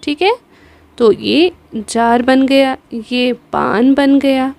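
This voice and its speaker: A woman with a Kashmiri accent giving an exam-prep lesson on the Urdu script. She spells out the letters slowly and keeps checking in with her students. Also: high-pitched, vocal fry, darkish tone. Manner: patient, repeats "theek hai", spells letters slowly. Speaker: Urdu teacher.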